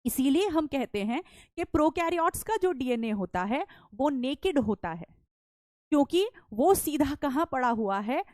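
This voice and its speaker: A woman teacher giving an online lecture, explaining step by step, asking questions and answering them herself, speaking softly and chatting with her students. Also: sits high, animated, a little slow, dry recording. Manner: chatty, calls students "beta"; soft-spoken, won't shout.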